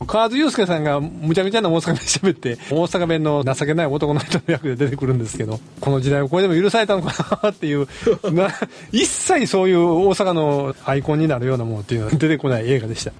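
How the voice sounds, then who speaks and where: A man with a Kansai accent hosting a casual film chat, chatty and quick with backchannels. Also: a little high, lively intonation, a little mellow, faint music behind. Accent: Kansai Japanese. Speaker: podcast host.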